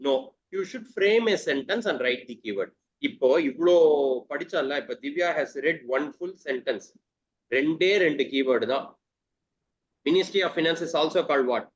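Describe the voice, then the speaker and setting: Man, South Indian Tamil accent, rapid-fire teacher, higher-pitched, repeats key terms, muffled lo-fi recording. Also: lively intonation, husky. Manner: repeats key terms and asks checking questions; switches between English and Tamil. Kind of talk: interactive exam coaching lesson. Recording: dull, lo-fi online class audio.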